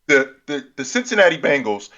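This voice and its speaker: A man co-hosting a sports podcast in casual chat, animated and repeating himself as he builds his points. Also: a little high, fairly quick, lo-fi sound. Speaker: podcast co-host.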